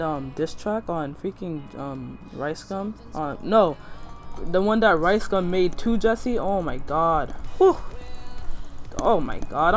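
Young male gaming host, higher-pitched, slangy and boastful rambling commentary over clearly audible music. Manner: rambling, slangy, self-hyping. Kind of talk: casual gameplay commentary.

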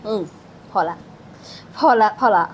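A young woman hosting a casual live stream, giggling, teasing and thanking her viewers, slipping English phrases into her talk. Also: takes it slowly. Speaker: live-stream host eating on camera.

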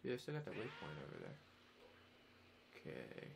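A man's voice: lowish voice, huge pitch swings, moderate pace, creaky, background noise. A man hosting his own gameplay series, chatting casually with sarcastic asides. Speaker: gaming channel host. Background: game music.

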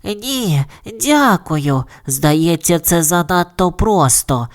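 A woman voicing a patient, crafty young female panda in a children's audio fairy tale, explaining gently. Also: on the low side, expressive, slow pace, pitched above the performer's own voice. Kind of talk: storybook character voice.

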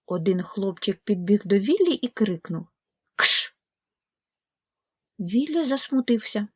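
A woman narrating a children's audiobook fairy tale in a slow, gentle, expressive way. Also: medium pitch, slightly rough, no room sound, clean studio sound. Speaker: storyteller.

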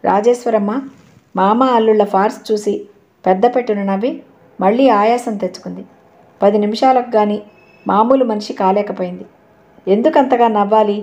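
Woman narrator, audio novel reading, steady and measured, mellow low tone, dull lo-fi recording.

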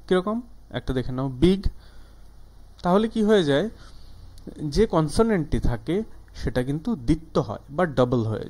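A man, a native Bengali speaker, teaching an English grammar lesson, with frequent "ah" fillers as he slows down and stretches out the English examples. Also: a little high, a little mellow.

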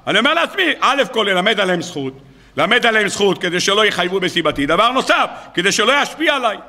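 A rabbi delivering a sermon, a man with a high voice that rings bright and sharp. He tells stories briskly and acts out each character's lines as he goes. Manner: lively storyteller acting out dialogue. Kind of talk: sermon with storytelling.

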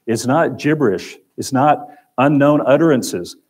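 An Oklahoma-accented man with a husky, mid-range voice teaches a Sunday Bible class in a church room that has a projector screen. He is expressive and unhurried, talking conversationally and repeating phrases.

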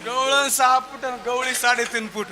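A man's voice: extremely high pitch, fairly even intonation, moderate pace, pushed and bright. A male kirtan preacher telling a humorous devotional story, who keeps addressing and quizzing his listeners. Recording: live event with instrumental music.

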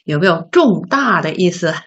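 A woman teaching a beginner English lesson, patiently asking learners questions and sounding out words slowly. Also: fairly low pitch, expressive, slightly rough. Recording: slightly dull lo-fi recording.

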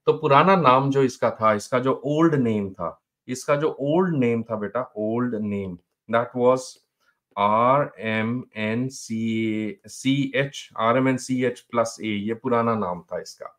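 A man's voice: medium pitch, rapid-fire, fairly bright tone. A middle-aged man with a North Indian accent, teaching a live online exam review in a mix of English and Hindi, encouraging students and often repeating his phrases.

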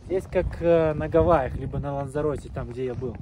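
A man's voice: medium pitch, brisk. A man in his thirties narrating a casual family hiking vlog, chatting to the camera he holds at arm's length as he walks outdoors. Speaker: family vlogger. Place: outdoors in a windy desert canyon. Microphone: camera held at arm's length. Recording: wind and outdoor noise behind.

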